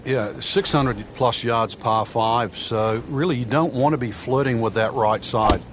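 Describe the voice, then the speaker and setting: A man voicing a golf color analyst in a video game, explaining the course with frequent pauses. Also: mid-range voice, background noise, close to an everyday voice. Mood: calm.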